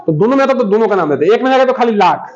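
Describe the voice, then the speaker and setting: A man's voice: high voice, expressive, rapid-fire. A male primary school teacher leading a math lesson in class, asking the children questions again and again. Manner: repetitive call-and-response questioning. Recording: dull lo-fi classroom recording with children.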